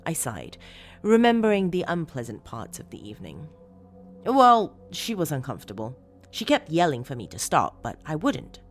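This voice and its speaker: A woman narrating a first-person horror story as a disturbed, obsessive woman who confides with eager, unsettling fondness, dramatically and with deliberate pauses. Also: low-pitched, wildly swooping pitch, soft background music. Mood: disturbed, pleading.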